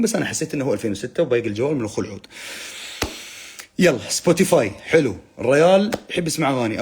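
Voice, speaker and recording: A man's voice: mid-range voice, breathy edge. A young man hosting a casual phone livestream, chatty and teasing as he reads viewers' comments aloud in bursts. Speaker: livestream host. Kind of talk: casual live chat reading comments.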